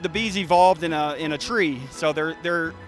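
This thirties beekeeper has a slightly high voice and an easygoing, halting delivery, full of restarts and fillers as he explains things casually to an interviewer. He's outdoors by the beehives in a garden, speaking into a handheld mic with soft music underneath.

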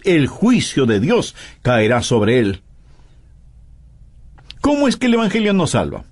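A man's voice: a little high, darkish tone, breathy edge. A man preaching a sermon in a voice-over, emphatic and full of pointed rhetorical questions.

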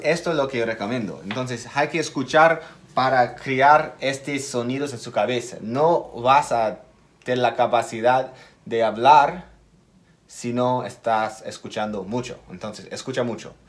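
A man giving a casual video lesson as an English teacher. He speaks slowly and deliberately, repeats key words and makes small slips in his Spanish. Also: mid-range voice.

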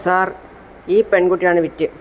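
A storyteller voicing a calm man reassuring a child and speaking politely to the police. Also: mid-range voice, moderate pace, slight background noise, lightly acted, rough recording.

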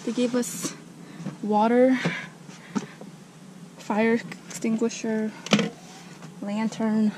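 A young woman casually vlogging at a rural campsite, chatty and relaxed, filming with a handheld camera at arm's length. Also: a little high, very slow, pauses often, very noisy. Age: young adult. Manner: chatty, relaxed, filler-heavy. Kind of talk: casual travel vlog. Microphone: handheld camera or phone at arm's length.

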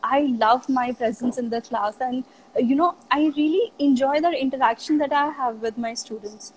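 A woman's voice: sits high, moderate pace, a little hiss or hum, rough recording. A woman guest talking casually about travel and her teaching work, with lots of "you know" fillers. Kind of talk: casual live chat interview. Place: live video chat.

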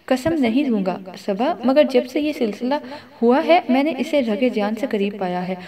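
A woman's voice: fairly high pitch, animated, close to an everyday voice. A woman voicing a remorseful young husband in an audio novel, speaking humbly and pleadingly. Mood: humble pleading. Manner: soft, pleading delivery.

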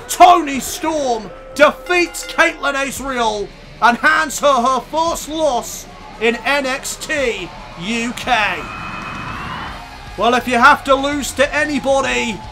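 A man shouting excitable wrestling play-by-play commentary over a video game, straining his voice as he goes. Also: extremely high pitch. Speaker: YouTube gaming commentator.

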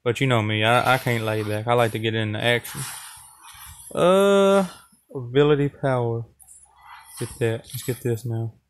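A young man narrates his own gameplay, trash-talking opponents and chatting with viewers in a playful, loose manner. His voice sits at a middle pitch. A faint background hiss sits under the recording. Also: normal speed, pauses often. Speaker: gaming channel host. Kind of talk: casual gameplay commentary.

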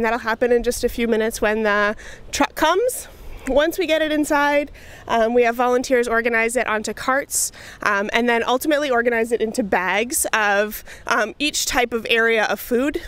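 Woman, 30s, pantry coordinator. Slightly high pitch, chatty and practical, lots of ums. Handheld mic, outdoor and indoor interview. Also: a bit bright, clean tone. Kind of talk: casual explainer interview. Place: outdoors beside a brick church, later inside a pantry room. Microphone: handheld lapel mic held up to the mouth.

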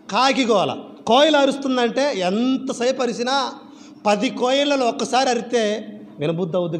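High-voiced man preaching in echoing hall. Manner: animated, asks the congregation repeated rhetorical questions. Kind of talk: church sermon. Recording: reverberant church hall with faint background noise.

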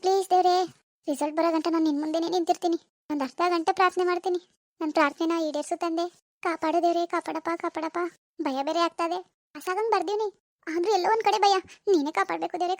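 A woman's voice: extremely high pitch, gravelly, darkish tone, dry recording, clean studio sound. A woman voicing an anxious teenage village girl in a cartoon, pleading in a rural Karnataka Kannada accent. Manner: pleading, repetitive, dramatic. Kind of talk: cartoon voice acting.

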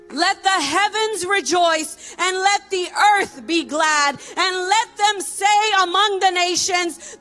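A woman in her thirties proclaims a psalm in church, emphatic and declamatory, speaking into a handheld mic from the stage indoors. Her voice is extremely high-pitched and a bit bright, with music in the background.

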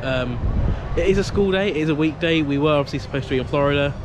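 A man's voice: a little high, fast. A man chatting casually to his camera with lots of fillers, vlogging outdoors at a theme park. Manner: chatty, rambling with many fillers. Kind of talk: casual vlog talk to camera. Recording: outdoor crowd and loud noise.

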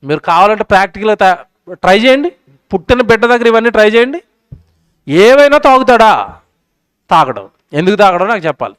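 A male preacher giving a sermon at a public meeting, quizzing the crowd and swinging between loud and soft. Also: sits high, very animated, a little fast, pauses often, clean tone, no room sound, clean studio sound.

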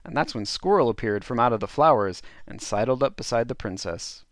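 A man's voice: medium pitch, expressive, fairly quick, no echo, studio quality. A man narrating a dubbed storybook play as host, with playful, chuckling asides.

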